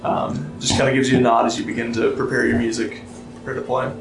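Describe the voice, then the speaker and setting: A man narrating as game master of a tabletop game, relaxed and storytelling, reading lore aloud with fillers. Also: mid-range voice, fast, vocal fry. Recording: roomy sound with music behind.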